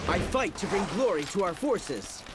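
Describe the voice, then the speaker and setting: An actor voicing an earnest, loyal young warrior in a video game. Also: male voice, high-pitched, big pitch swings, moderate pace, very noisy. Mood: eager. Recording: loud game music behind.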